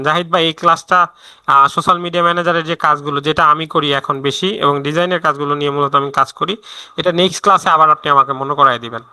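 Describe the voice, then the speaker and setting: A man's voice: a little high, sharp tone, clean tone, no echo. A man teaching a live online class in a casual, chatty way, stopping often to answer viewer messages, with many fillers and restarts. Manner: frequent fillers and self-restarts. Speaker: online freelancing instructor.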